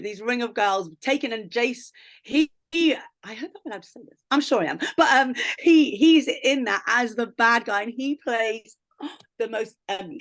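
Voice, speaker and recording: A woman's voice: mid-range voice, a bit bright. A young woman, an actress, chatting casually and bubbly in an interview, with many fillers.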